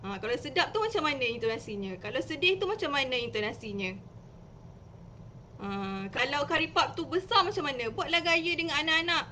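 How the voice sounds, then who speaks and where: A Malaysian woman teacher talks viewers through reading with children in a high, bright voice. She is chatty and explains each step with lively emphasis. It is an informal live stream, not a polished lecture. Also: brisk, a little hiss or hum.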